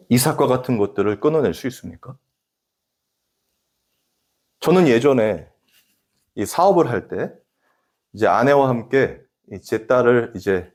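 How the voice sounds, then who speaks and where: Korean pastor guy in his 40s preaching, pitch jumps all over, asks the church questions, loud then quiet. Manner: animated preaching, rising emphatic peaks, drops to hushed asides; addresses congregation directly with questions. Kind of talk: sermon.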